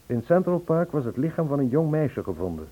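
This actor's voice sits a little high, brisk and sing-song, as he plays an anxious man insistently hunting for a missing woman. The Dutch radio play is an old recording, husky and phone-like, and his recounting sounds troubled.

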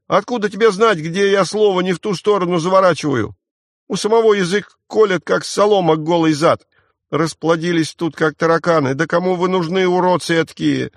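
A man's voice: medium pitch, lively intonation, dry recording, clean studio sound, close to an everyday voice. A man reading an audiobook voices a frightened, defiant boy thief who whines and snaps back. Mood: indignant. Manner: squabbling, whining, quick to snap back. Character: scrappy scared boy thief, defiant and whiny.

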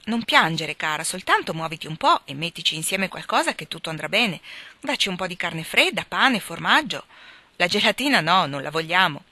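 A mild, kindly young husband, read by a woman, flustered and coaxing, then sharper with exasperation. The voice stays bright and clear in a dry, close storybook recording. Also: lowish voice, very animated, normal speed, dry recording, exaggerated voice.

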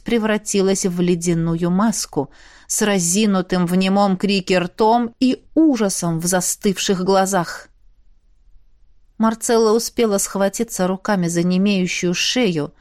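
Woman reading a fantasy audiobook, steady even narration, medium voice. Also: mid-range voice, measured pace.

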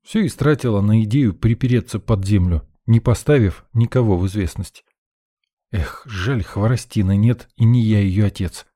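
A man narrating an audiobook in the first person, with a gruff, sardonic manner. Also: on the low side, normal speed, mellow, no room sound, studio quality.

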